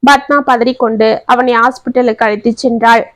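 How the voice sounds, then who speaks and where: A woman narrating a family story in a steady, expressive reading voice. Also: on the high side, normal speed, dry recording.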